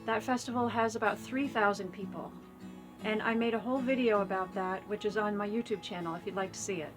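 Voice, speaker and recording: A woman's voice: mid-range voice, fairly even intonation, fairly quick, music in the background. A woman talking casually to her viewers as a vlogger, recorded up in an attic at home. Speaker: vlogger and fiddle player. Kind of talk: casual video diary talk to viewers.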